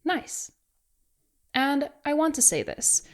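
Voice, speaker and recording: A woman's voice: high-pitched, lively intonation, takes it slowly. A woman teaching pronunciation in an encouraging, reassuring way, demonstrating exaggerated rolled R sounds for learners to repeat. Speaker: language teacher. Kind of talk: pronunciation lesson with pauses to repeat.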